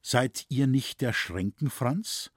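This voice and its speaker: A man's voice: medium pitch, animated, slow, slightly rough, no room sound, studio quality. A man reading an audiobook, voicing a poor, proud young woman who sobs and pleads in despair. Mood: pleading. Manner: sobbing, pleading.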